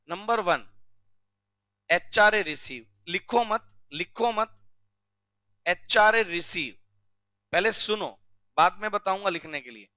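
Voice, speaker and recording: A male teacher from India giving a classroom lecture, drilling rules slowly and often checking with questions. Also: sits high, pushed and bright, clean tone, no room sound. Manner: recites rules slowly word by word. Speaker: commerce teacher.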